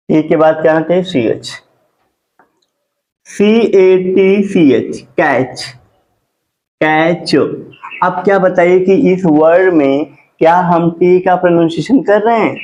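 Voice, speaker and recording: A man teaching a classroom grammar lesson. He asks his students questions and answers them himself, and he spells words out slowly. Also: high-pitched, darkish tone. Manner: drawn-out slow spelling of words. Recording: dull lo-fi classroom recording.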